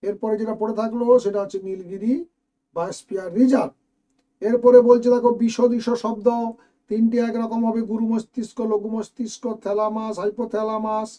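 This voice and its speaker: A man teaching, with a high voice and a dark, mellow tone. He goes through exam questions one at a time and talks straight to his students as he explains each answer. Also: level tone, fairly quick. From West Bengal, India. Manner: explains step by step, addressing students directly. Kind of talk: exam question walkthrough lesson.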